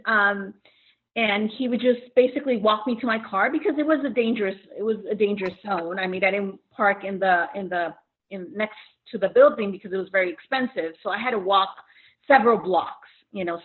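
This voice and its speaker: Middle-aged woman from Mexico, co-host telling a story, earnest and halting, tinny phone-line sound. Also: mid-range voice. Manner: earnest, many fillers and restarts. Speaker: podcast co-host. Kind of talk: casual chat, personal story.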